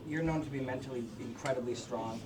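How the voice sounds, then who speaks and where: A man questions an athlete as a press reporter. He talks fast in a mid-pitched voice, heard at a distance through heavy crowd noise.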